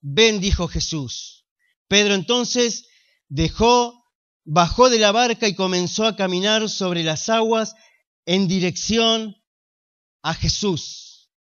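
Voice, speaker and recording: A man with a Rioplatense accent preaches a sermon in a strikingly high, bright voice. He speaks very slowly and emphatically, leaving long dramatic pauses. The recording sounds slightly dull and lo-fi. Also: clear, resonant tone. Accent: Rioplatense Spanish. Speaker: pastor.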